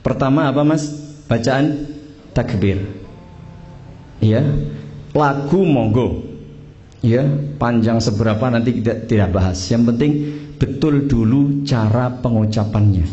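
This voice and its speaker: Speaking with a Javanese accent, this man instructs a casual religious class on the call to prayer, part of his work training imams and muezzins. He jokes and teases his students, dropping local slang as he teaches. His voice is mid-range and dark, unhurried with frequent pauses, and the recording sounds muffled.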